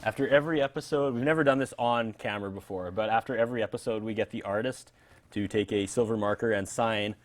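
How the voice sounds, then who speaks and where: A man with a lowish voice talks quickly while hosting a music show. He interviews a guest on camera in a casual, chatty way.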